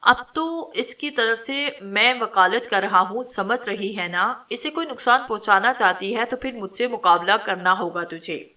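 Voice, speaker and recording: A woman reading the lines of a calm, confident old male holy man in a dramatic story, speaking steadily and a little mockingly. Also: mid-range voice, recorded from a distance, natural voice. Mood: challenging. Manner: steady, unhurried, mildly mocking.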